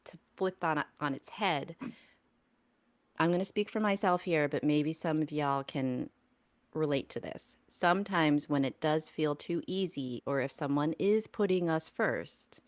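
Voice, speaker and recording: A woman's voice: sits low, measured pace, dry recording. A woman co-hosting a podcast in casual chat, earnest and reflective, restarting phrases as she thinks. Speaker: podcast co-host.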